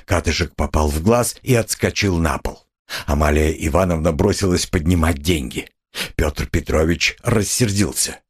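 A man's voice: a bass voice, normal speed, breathy edge. A man narrating a classic novel as an audiobook, reading dramatically. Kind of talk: scripted literary narration.

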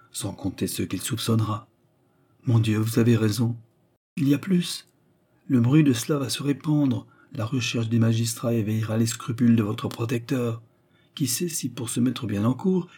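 A man's voice: mid-range voice, warm tone, husky, lightly acted. A man reading aloud and voicing a scheming, persuasive noblewoman who frightens her young companion with feigned sweetness. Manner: insistent, menacing, feigned sweetness. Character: scheming, persuasive noblewoman adventuress, middle-aged.

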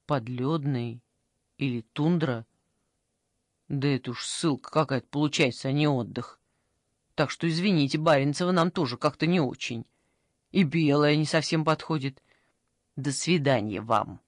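A woman's voice: low voice, moderate pace, pauses often, no room sound. A woman voicing a flustered, complaining elderly grandmother in an audiobook, stammering and fretful, with a dry close sound. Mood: weary refusing. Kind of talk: audiobook character voice.

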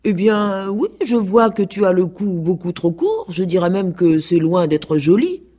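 A woman's voice: on the low side, expressive, a little slow, mellow, voice pushed up. A woman voicing a proud, prim goose in a radio play, haughty and disdainful.

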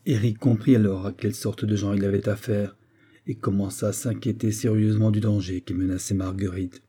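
Man narrating an old novella, deep and dark, measured delivery. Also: level tone, breathy edge. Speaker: audiobook reader. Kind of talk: narrating a 19th-century novella.

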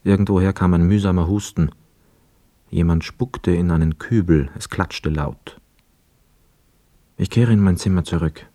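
A man with a low voice plays a young returned soldier in a radio drama, lonely and melancholy, his mood brooding and hushed. His quiet, husky, measured delivery often slips into first-person narration, recorded without echo.

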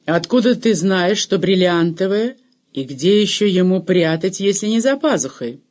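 A man voicing a sharp-tongued middle-aged wife who nags and scolds her husband in an audiobook. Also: high-pitched, lively intonation, normal speed, voice pushed up. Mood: scolding. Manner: scolding, nagging.

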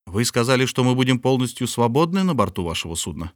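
A man's voice: mid-range voice, big pitch swings, fast talker, no echo, clean studio sound, voice pushed up, close to an everyday voice. A man voicing a polite but indignant scholar held captive, speaking formally and pleadingly. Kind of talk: audiobook character reading.

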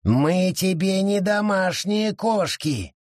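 A snarling wild forest creature. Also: male voice, high voice, slow pace, no room sound, clean studio sound, pitched above the performer's own voice, heavily acted. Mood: scornful. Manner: growling, spiteful, shouting threats. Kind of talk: audiobook character voice.

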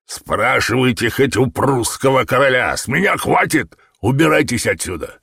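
A man voicing an angry market goose seller who shouts furiously, recorded dry and close. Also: mid-range voice, animated, normal speed, creaky, slightly rough, no room sound, voice pushed up, heavily acted.

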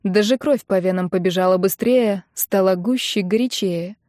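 A woman's voice: mid-range voice, normal speed, darkish tone, dry recording, clean studio sound. A woman narrating a first-person audiobook with an intense, emotional delivery.

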